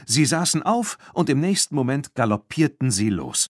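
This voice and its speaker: A man narrates a children's audiobook in an expressive, scripted storytelling style, using a mid-range voice at a moderate pace. The recording is studio quality with no echo.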